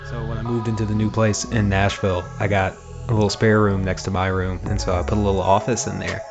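Low-voiced male podcast host. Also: level tone, quick pace, music in the background. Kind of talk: podcast intro and interview.

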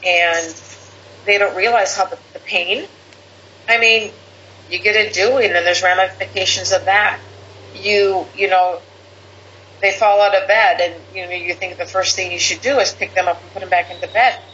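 A woman guest telling a personal story in conversation, animated, quoting people in lively voices. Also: medium pitch, normal speed. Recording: slightly dull lo-fi audio with faint background hiss.

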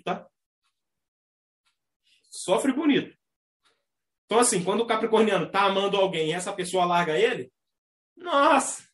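A man with a Brazilian Portuguese accent hosting a casual astrology chat, talking in a slangy, animated way and mimicking the people he describes. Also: high-pitched. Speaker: astrology talk host. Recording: echoey room.

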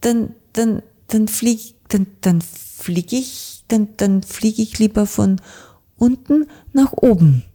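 A woman's voice: fairly low pitch, lively intonation, extremely slow, pauses often, mellow, slightly rough, heavily acted. A woman voicing a timid little male blackbird in a children's audiobook, stammering nervously over his words. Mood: stammering, scared. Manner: stuttering.

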